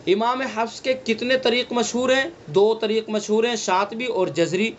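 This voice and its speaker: High-voiced man teaching a tajweed class. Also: steady tone, dull audio, slight background noise. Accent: Delhi Urdu. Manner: slow, repetitive teaching, asks and answers own questions. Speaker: Quran recitation teacher. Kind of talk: online tajweed class lecture.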